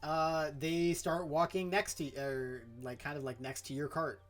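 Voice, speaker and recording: A man's voice: fairly high pitch, flat delivery, unhurried, fairly bright tone, soft background music. A man running a tabletop game as game master, narrating in a casual, filler-heavy way.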